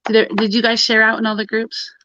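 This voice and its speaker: A woman's voice: on the high side, monotone, fast, fairly bright tone, no room sound. A woman co-hosting a pagan livestream, chatting casually and laughing often as she rambles through the topic. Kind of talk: casual group chat on a live video call. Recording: dull dry video-call audio.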